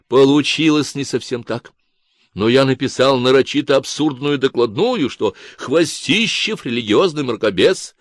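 A man's voice: mid-range voice, no room sound, clean studio sound. A man voicing an agitated male artist confessing and justifying himself in a radio interview. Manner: agitated, self-justifying, emphatic.

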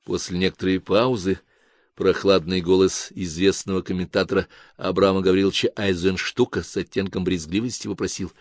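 A man narrating a novel in a low, even voice. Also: a little fast, no echo, studio quality. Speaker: audiobook reader. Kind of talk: literary narration.

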